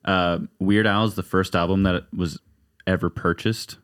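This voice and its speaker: Deep-voiced man, halting speech. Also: steady tone, clear, resonant tone. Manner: halting, searches for words. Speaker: guest barber. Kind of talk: casual chat.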